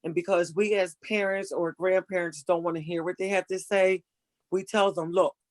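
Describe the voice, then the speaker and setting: An older woman in casual conversation, giving earnest, motherly advice and slowing down to stress her points. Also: lowish voice, fairly even intonation, no echo. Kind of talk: casual chat.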